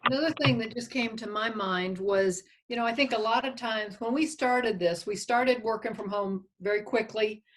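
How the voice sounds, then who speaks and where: On a conference call with poor audio, a woman with a slightly high voice talks conversationally at a moderate pace with few pauses. She's a county official advising on expense reimbursement, thinking aloud as she goes.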